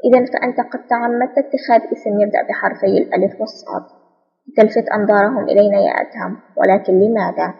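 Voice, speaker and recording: A woman's voice: medium pitch, fairly even intonation, fast, vocal fry, slightly rough, big-room sound, dull audio. A woman reading the lines of an anxious young female agent in an audiobook. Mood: uneasy. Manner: questioning and uneasy. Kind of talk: audiobook spy novel reading.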